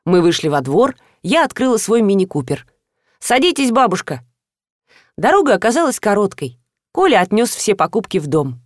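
A woman narrating a first-person story in an expressive audiobook reading. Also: medium pitch, a little fast, dry recording, clean studio sound.

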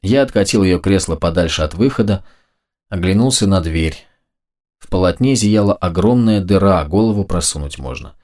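A man narrates a first-person audiobook with steady, even delivery. His voice sits very low, calm and controlled through the story. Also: moderate pace.

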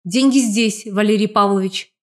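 A woman voicing a frightened young male courier who talks hoarsely and babbles pleadingly in an audiobook. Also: medium pitch, normal speed, lightly acted. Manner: pleading, defensive. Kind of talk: audiobook character voice.

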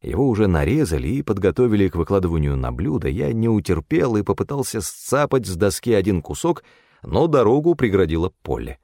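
A man narrating a first-person audiobook in a wry, expressive storytelling manner. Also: fairly low pitch, brisk, dry recording, studio quality.

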